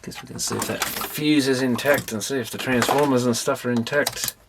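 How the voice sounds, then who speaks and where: An Australian electronics repair enthusiast thinks aloud at a normal speed, his medium-pitched voice fairly even in intonation. The commentary is casual and rambling, and clicks and clear noise mar the recording.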